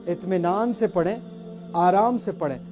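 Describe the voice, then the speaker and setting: A man teaching a student to recite, encouraging her and tossing in quick English prompts. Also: sits high, music in the background.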